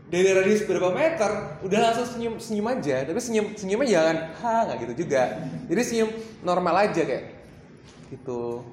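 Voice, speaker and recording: Brief: chatty trainer at mid pitch, workshop talk with English slipped in, roomy echo. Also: animated, a little fast, darkish tone, slight background noise. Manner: chatty, mixes in English phrases, many fillers. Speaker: workshop presenter. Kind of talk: casual training talk to a live group.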